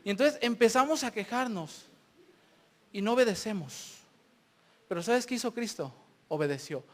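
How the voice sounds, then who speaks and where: High-voiced Mexican man preaching. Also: animated, moderate pace. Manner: preachy, swings between loud scripture reading and hushed asides. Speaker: lay preacher. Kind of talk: sermon.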